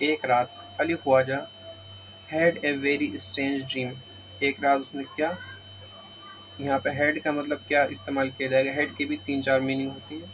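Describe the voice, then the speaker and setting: A man from India teaching an English lesson, explaining patiently and drawing out the English words slowly. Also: on the high side, slight background noise, low-quality recording. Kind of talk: spoken language lesson.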